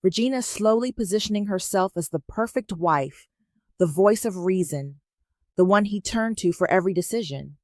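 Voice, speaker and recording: A woman in steady, tense scripted first-person narration of a family story. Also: mid-range voice, moderate pace, dry recording, clean studio sound.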